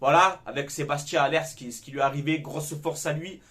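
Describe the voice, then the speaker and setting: A man's voice: fairly high pitch, steady tone, fast talker, fairly bright tone. A young man giving a heated, casual football debrief, swearing freely as he rants. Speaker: football fan commentator.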